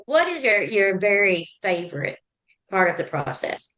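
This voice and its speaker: A woman's voice: medium pitch, very animated, moderate pace, pushed and bright. A woman interviewing a film composer, asking brief questions.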